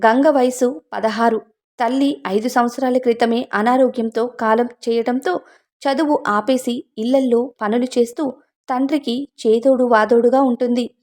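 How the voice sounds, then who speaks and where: Woman storyteller for an emotional audiobook, earnest scripted narration, voice sits high. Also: steady tone, moderate pace, darkish tone.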